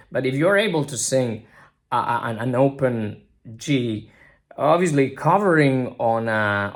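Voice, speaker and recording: Slow, halting man teaching singing. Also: medium pitch, gravelly. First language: Italian. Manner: halting, many restarts, drawls words, breaks into sung notes. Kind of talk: casual spoken lesson with sung examples. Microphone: simple microphone.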